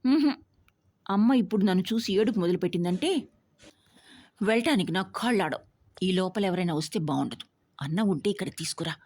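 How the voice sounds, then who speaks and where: A woman voicing a cocky young man on the run, brash and teasing, with a husky voice. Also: mid-range voice, lively intonation, fairly quick, long pauses, a little mellow, dry recording, close to an everyday voice. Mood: cocky, hushed.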